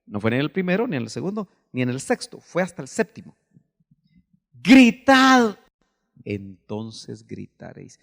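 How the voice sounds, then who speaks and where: A Guatemalan man with a Guatemalan Spanish accent, preaching a sermon as pastor, animated and breaking into sudden shouts. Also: fairly high pitch, fast talker, creaky, few pauses, long reverb tail.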